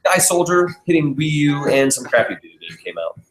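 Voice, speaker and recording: A man hosting a podcast in an almost empty basement, chatting in a relaxed, rambling way and chuckling often, his voice echoing off the bare room. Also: fairly high pitch, brisk, music in the background. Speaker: podcast host. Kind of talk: casual chat.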